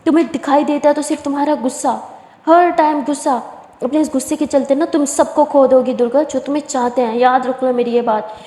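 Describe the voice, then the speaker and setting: A woman's voice: high voice, quick pace, dark tone, pitched above the performer's own voice, lightly acted. A woman doing a stern scolding mother. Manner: scolding, exasperated. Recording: echoey room reverb.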